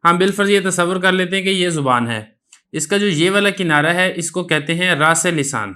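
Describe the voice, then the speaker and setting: A man's voice: high voice, sharp tone. A man with a slightly raised voice gives a patient religious lesson. He explains step by step, often poses a question and then answers it. When he demonstrates a letter, he draws the sound out. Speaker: Quran recitation teacher.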